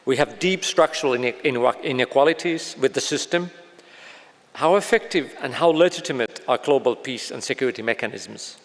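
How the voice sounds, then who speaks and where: A man moderating a panel on stage, hesitant and filling pauses with "uh". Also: mid-range voice. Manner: hesitant, many fillers. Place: large concert hall stage, live event. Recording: long reverb of a large hall.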